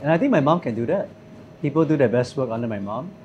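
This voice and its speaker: A man in his thirties speaking in a thoughtful, measured way with fillers, interviewed at a restaurant table. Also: medium pitch, animated, highs cut off, slight background noise. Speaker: company CEO. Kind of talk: interview conversation.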